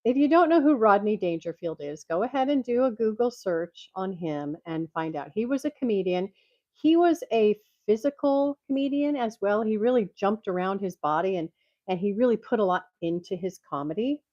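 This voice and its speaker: An older woman talks in a relaxed, rambling way and laughs easily, her voice mellow and a little congested. The sound is dull and tinny, like speaking through a tin can, and very dry. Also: mid-range voice, moderate pace, dry recording. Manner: chatty, rambling, laughs often. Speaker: vlogger reading jokes. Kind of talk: casual chat. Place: at home. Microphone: microphone clipped to her glasses.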